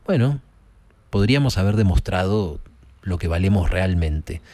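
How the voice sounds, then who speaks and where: A man's voice: low-pitched, animated, measured pace, mellow. A man with an Argentine accent hosting a talk and addressing listeners in a conversational, emphatic way. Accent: Argentine Spanish. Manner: conversational, emphatic, with many fillers and tag questions. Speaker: host discussing film and rock. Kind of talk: reflective spoken commentary to listeners.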